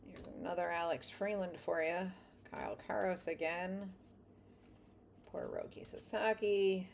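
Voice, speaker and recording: A woman with a lowish voice keeps a relaxed running commentary as she works through trading cards. She reads names off one after another in an easy, chatty way. A faint background hiss sits under her voice. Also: a little slow, vocal fry. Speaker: card collector opening packs. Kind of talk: casual running commentary while sorting cards.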